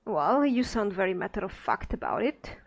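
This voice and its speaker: A blunt questioning mage hero. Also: female voice, medium pitch, big pitch swings, moderate pace. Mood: curious. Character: curious female mage player hero.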